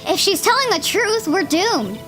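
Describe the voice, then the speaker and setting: A woman's voice: very high voice, big pitch swings, moderate pace, a bit bright, soft background music, voice pushed up, full character voice. A woman reading aloud as an earnest young male defense attorney, formal and pressing. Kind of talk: reading game dialogue aloud.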